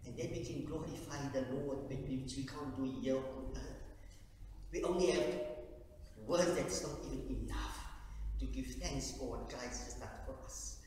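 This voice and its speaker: Recorded from far away in a large echoing church hall with faint hiss, this South African man preaches at a communion service as a lay preacher. He swings from fervent, loud peaks to quiet lows, halting, repeating words and restarting frequently.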